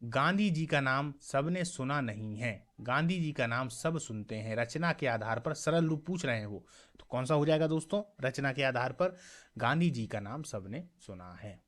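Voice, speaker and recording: A man teaching a mock exam class, reading each question and its options aloud, repeating them, asking viewers for the answer and often checking "clear?". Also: medium pitch, lively intonation, moderate pace, fairly bright tone. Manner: checks understanding with a frequent "clear?"; addresses viewers as friends.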